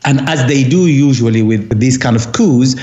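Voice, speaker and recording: A man's voice: mid-range voice, moderate pace, a little mellow. Muffled male doctor recalling his past. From Sudan. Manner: thoughtful, many restarts and fillers. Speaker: doctor, interview guest. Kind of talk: conversational interview.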